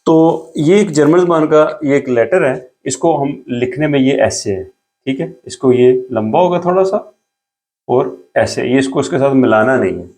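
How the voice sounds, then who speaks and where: A man teaching a beginner language lesson, explaining patiently step by step and repeating each sound slowly while he writes. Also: medium pitch, lively intonation, darkish tone.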